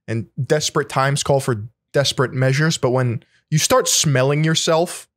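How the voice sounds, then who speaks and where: Laid-back and conversational, a male podcast co-host explains things at length and often repeats words. His medium-pitched voice moves at a moderate pace, captured in clean studio sound with no room noise.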